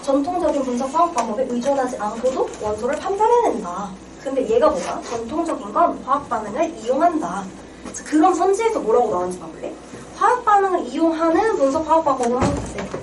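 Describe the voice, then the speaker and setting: She has a high, sing-song voice and talks fast: a young Korean reading tutor giving an exam-prep reading lecture. She quizzes her students and answers her own questions, with a roomy, distant mic picking up clear background noise.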